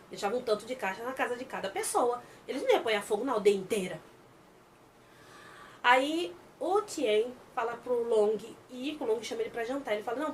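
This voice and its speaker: Animated Brazilian woman retelling a drama. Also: on the high side, a little hiss or hum. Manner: animated, acts out the characters' lines in quick voices. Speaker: drama recap vlogger. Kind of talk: casual retelling of a drama episode.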